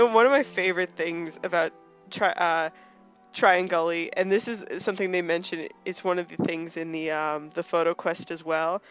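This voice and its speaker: A woman in her twenties, a co-host, chats casually about a game, talkative and self-correcting as she restarts her sentences again and again. Her voice is on the low side and a bit bright, and the recording sounds lo-fi.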